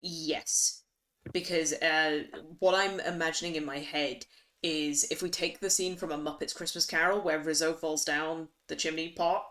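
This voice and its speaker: A woman's voice: deep voice, fairly even intonation, normal speed, fairly bright tone. A woman running a tabletop game as game master, describing scenes in a hesitant, descriptive way.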